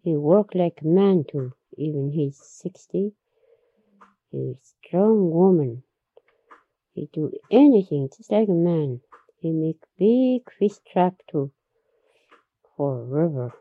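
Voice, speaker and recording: Slow-spoken, husky older-sounding woman storyteller. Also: low-pitched, expressive, no echo, narrow, tinny audio. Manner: unhurried, repeats herself, laughs between stories. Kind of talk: oral history storytelling.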